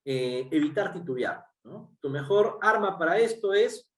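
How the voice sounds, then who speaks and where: A man's voice: fairly high pitch, lively intonation, measured pace. A man with a Peruvian Spanish accent giving a workshop lecture, explaining step by step with frequent fillers and tag questions. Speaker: workshop speaker. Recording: roomy, distant mic.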